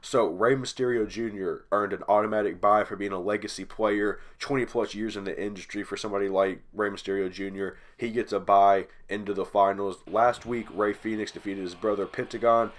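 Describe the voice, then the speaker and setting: A man with a stuffy, congested voice from allergies, hosting and calling play-by-play over a wrestling video game, getting loud on the big moves. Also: fairly low pitch, fairly even intonation, brisk, hardly any pauses. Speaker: channel host.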